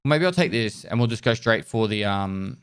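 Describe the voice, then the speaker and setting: Australian guy on a livestream headset mic, laid-back streamer voice, halting and easygoing. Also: lowish voice, smooth. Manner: relaxed, trailing off with hesitations while thanking viewers. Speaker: gaming streamer. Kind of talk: casual livestream chat while gaming.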